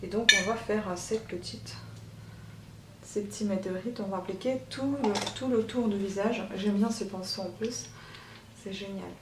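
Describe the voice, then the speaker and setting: Woman, soft voice, casual tutorial chat, hesitant; distant mic, roomy, loud hum behind. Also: medium pitch. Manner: chatty, hesitant with many pauses. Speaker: beauty vlogger. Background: machine hum.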